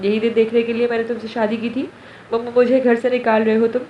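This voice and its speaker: A woman's voice: a little high, little pitch movement, brisk, lo-fi sound, slight background noise, close to an everyday voice. A woman voicing a hot-tempered young wife who scolds and complains, recorded at a distance in an echoey room. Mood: wailing.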